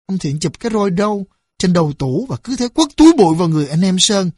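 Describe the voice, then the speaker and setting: Audiobook narrator, mid pitch, husky texture, steady and expressive. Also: fast, dry recording, clean studio sound.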